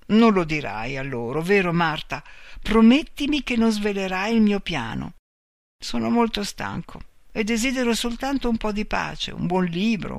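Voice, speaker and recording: A man reading aloud and voicing a male robot double who speaks in a calm, tender, pleading way. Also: high voice, creaky, no room sound, clean studio sound, heavily acted. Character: gentle male robot double, soft-spoken and loving.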